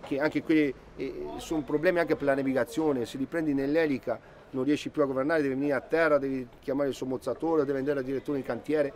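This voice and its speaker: A man's voice: medium pitch, fairly even intonation, fast, a little mellow. A man, a fisherman in a casual interview, listing problems one after another. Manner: lists problems in a row.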